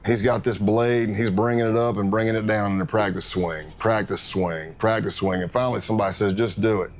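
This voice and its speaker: Low-voiced man telling war stories. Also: fairly even intonation, brisk, creaky, slight background noise. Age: middle-aged. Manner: vivid storytelling, acts out what others said. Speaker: former undercover agent interviewee. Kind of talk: documentary interview storytelling.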